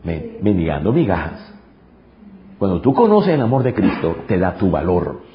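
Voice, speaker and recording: A man's voice: sits low, big pitch swings, normal speed, slight background noise. A male pastor preaching a sermon emphatically, repeating phrases and throwing rhetorical questions at the congregation. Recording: dull lo-fi recording.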